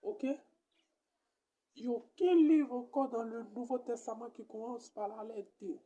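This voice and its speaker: A woman comic with an Ivorian French accent plays at teaching a Bible lesson, slowly restating each point in teacher fashion. She has a fairly high pitch and a warm tone.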